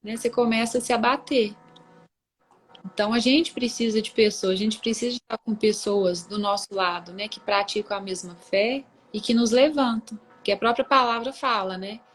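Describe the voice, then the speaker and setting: A woman's voice: fairly high pitch, steady tone, normal speed, rough recording. A woman hosting a live book reading, talking in a casual devotional way over a video call and often tagging her sentences with questions. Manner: warm, conversational, with many tag questions.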